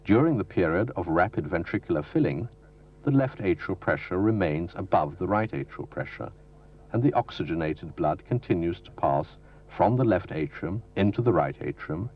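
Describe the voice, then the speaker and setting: In a formal, didactic manner, a man with a very deep voice narrates a scripted educational film about medicine, his steady delivery varying lively in pitch. It sounds dull and lo-fi, as if a 1970s film soundtrack had been copied from videotape.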